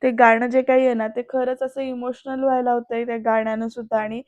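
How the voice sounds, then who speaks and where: A woman retells a TV serial episode in a voice-over, slipping into the characters' angry and pleading lines with a louder voice. Her voice sits fairly high but keeps a flat, even melody. The recording is dry and a little dull. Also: brisk, dry recording. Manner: animated retelling, acting out characters' lines with raised voice.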